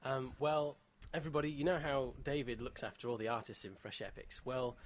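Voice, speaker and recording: A man's voice: mid-range voice, fairly even intonation, brisk. A man from northern England, a podcast guest with a dry, wry sense of humor. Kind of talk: casual podcast chat.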